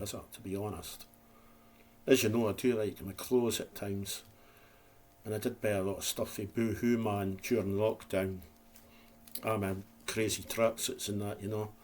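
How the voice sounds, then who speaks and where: A man's voice: fairly low pitch, fairly even intonation, normal speed, darkish tone, slight background noise. A Scottish man vlogging in a casual, rambling, self-deprecating chat to camera, with a slight lisp. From Scotland.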